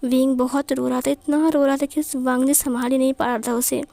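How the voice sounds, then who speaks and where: A woman narrating a fan fiction story in a plain, steady way. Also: sits high, brisk, creaky, dry recording.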